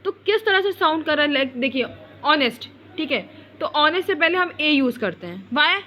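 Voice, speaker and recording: A woman's voice: high-pitched, lively intonation, moderate pace, bright, forceful tone, soft background music. A woman teaching grammar in an online lesson. She repeats words as she explains, restarts often, and mixes English into her Hindi.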